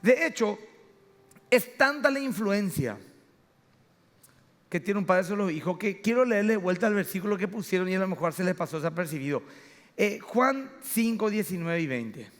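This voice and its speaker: High-voiced pastor preaching in a hall. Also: male voice, lively intonation, moderate pace, fairly bright tone. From Paraguay. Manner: storytelling, acting out family dialogues. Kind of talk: sermon. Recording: reverberant church hall.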